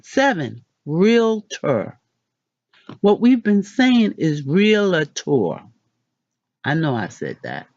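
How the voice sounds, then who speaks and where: A woman hosting a casual pronunciation lesson, chatty and self-deprecating, repeating words slowly. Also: on the low side, huge pitch swings, darkish tone, no room sound, muffled recording. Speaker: channel host.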